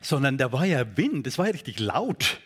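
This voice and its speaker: A man preaching a sermon in a church, talking in a conversational, halting way with many fillers. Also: medium pitch, very animated, breathy edge. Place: church hall.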